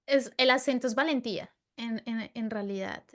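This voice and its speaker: A woman's voice: a little high, normal speed, fairly bright tone. A woman from Latin America hosting a casual interview, talking earnestly with fillers like "como" and tag questions. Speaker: podcast host.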